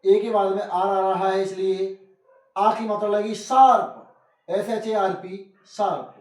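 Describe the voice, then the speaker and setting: A man's voice: sits high, fairly even intonation, unhurried. A man teaching phonics, spelling out letters one by one and calling his viewers friends. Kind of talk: phonics lesson. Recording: echoey room, voice from a distance.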